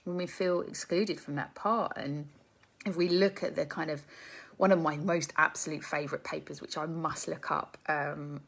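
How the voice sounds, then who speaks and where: A woman's voice: low-pitched, fairly even intonation, moderate pace, creaky. A woman of around forty, a psychotherapist hosting a live stream, talking casually and reflectively, thinking aloud with many ums and rhetorical questions.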